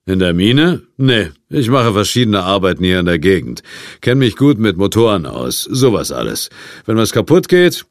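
A man's voice: fairly low pitch, very animated, normal speed, no echo, studio quality, voice pushed up. A man doing a nervous, stammering scruffy drifter. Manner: hesitant, stammering with fillers. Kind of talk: audiobook character voice.

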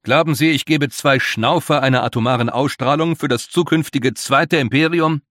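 A man's voice: medium pitch, moderate pace, a bit bright, no echo, pitched above the performer's own voice, lightly acted. A grave, worried older leader, as a male reader puts him on, who presses his points in an earnest, emphatic way. The voice is dry and close, like a storybook read aloud.

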